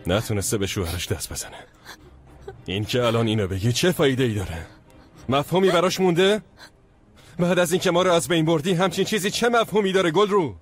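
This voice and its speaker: A man's voice: a little high, animated, breathy edge, soft background music. A voice actor dubbing a cold, bitter young man who scornfully rejects his former love in a TV drama. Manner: curt, scornful. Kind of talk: dubbed TV drama.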